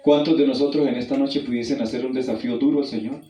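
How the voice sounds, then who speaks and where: A man preaching an evangelistic sermon. He tells a personal story, calls his listeners brother and asks them questions, and he goes from hushed and low to loud and high when he reads the scripture. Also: steady tone, quick pace. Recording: roomy, distant mic.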